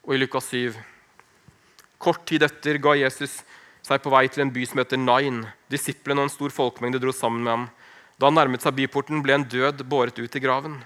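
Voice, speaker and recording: A man preaching a sermon, earnest and emphatic, slowing down on key phrases and dropping to a hush. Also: mid-range voice, level tone. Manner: earnest, slow emphatic phrasing with wide swings in loudness.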